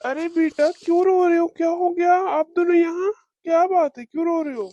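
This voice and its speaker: A woman voicing a gentle, coaxing father of two in a cartoon. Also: extremely high pitch, brisk, no room sound, muffled recording. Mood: worried. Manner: soothing, coaxing.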